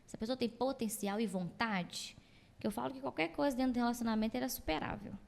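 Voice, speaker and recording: A woman's voice: a little high, fast, gravelly. Chatty woman in a reverberant room. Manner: animated, acts out quoted dialogue. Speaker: psychologist guest. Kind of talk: casual podcast conversation.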